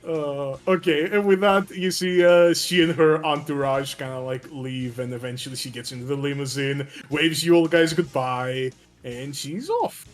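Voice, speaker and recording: A man's voice: fairly high pitch, moderate pace. A man narrating a tabletop game as game master, casual and improvised, speaking to his players. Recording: music playing behind the voice. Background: background music.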